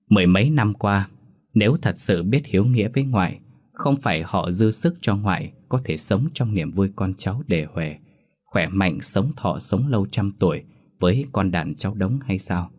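A man's voice: low voice, darkish tone. A man narrating a first-person story in a bitter, scornful tone.

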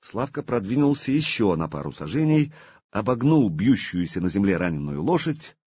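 A man narrating an audiobook with a lively, dramatic reading. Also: on the low side, normal speed, slightly rough, no room sound, dull audio.

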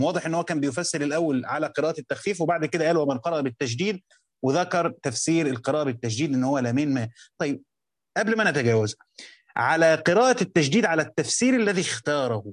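A man with an Egyptian accent teaching a class on Quranic commentary. He explains step by step, repeats words and reads quoted text slowly. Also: a little high, no room sound, clean studio sound. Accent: Egyptian Arabic. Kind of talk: classroom lecture with text reading.

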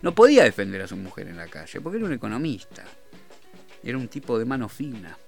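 A man's voice: medium pitch, very animated, fast, vocal fry, darkish tone, soft background music. A man with an Argentine accent hosting a talk show, rambling and joking in casual chat. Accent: Rioplatense Argentine Spanish. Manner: rambling, jokey, self-amused. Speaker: radio show host.

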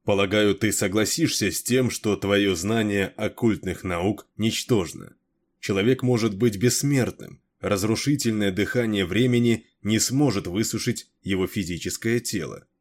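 A man voicing a weary, cursed immortal man who speaks slowly and gravely in an audiobook reading. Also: on the low side, lightly acted. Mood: brooding.

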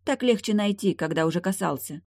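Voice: medium pitch, lively intonation, brisk, a little mellow, no echo, clean studio sound, pitched above the performer's own voice, close to an everyday voice. A reader voicing an earnest elder lake maiden in an audiobook, speaking firmly. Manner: firm, earnest.

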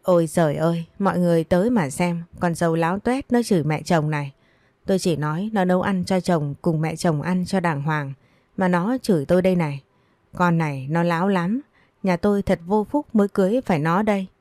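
A woman's voice: lowish voice, a little fast, a little mellow, dry recording, lightly acted. A woman reading the part of a bitter, scolding older mother-in-law who wails accusations. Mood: wailing. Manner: accusing, wailing complaints.

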